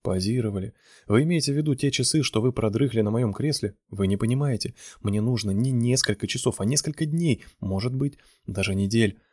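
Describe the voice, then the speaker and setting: A man's voice: medium pitch, brisk, few pauses, darkish tone, dry recording, clean studio sound, close to an everyday voice. A male reader voicing a stubborn, exasperated painter who pleads and insists. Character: flustered stubborn male artist.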